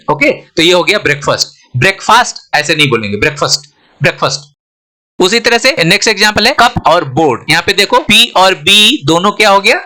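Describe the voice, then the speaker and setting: A man's voice: a little high, sharp tone. A man teaching an English lesson in a patient, explaining way, often repeating words and checking "ok?" with his learners.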